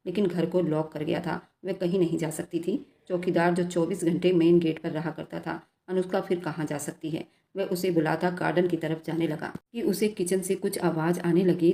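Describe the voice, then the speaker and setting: A woman narrating a romantic story in a steady, even reading voice. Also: fairly low pitch.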